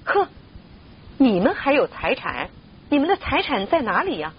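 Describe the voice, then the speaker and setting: A woman voicing a greedy uncle and aunt who shout together in a scornful, furious manner. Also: mid-range voice, big pitch swings, measured pace, breathy edge, muffled recording, exaggerated voice.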